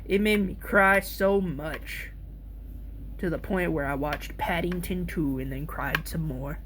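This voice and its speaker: A man spinning a loose, wandering personal story, bouncing between excitement and offhand asides. His delivery is casual and unpolished, and he swears freely. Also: fairly high pitch, measured pace, slight background noise. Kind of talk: casual rambling anecdote.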